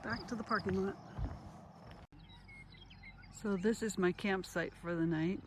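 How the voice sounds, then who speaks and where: Out of breath on a nature trail, this retired vlogger in her sixties talks a little slowly in a mid-range voice, offering chatty, relaxed narration to her viewers as she walks. Insects can be heard in the outdoor phone recording.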